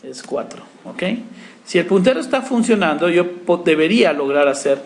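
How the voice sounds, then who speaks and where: Speaking at a normal speed in a slightly high, sing-song voice, a man teaches networking through a live command-line demo. He types commands as he talks and checks in with students after every step, in an echoey classroom with faint room noise.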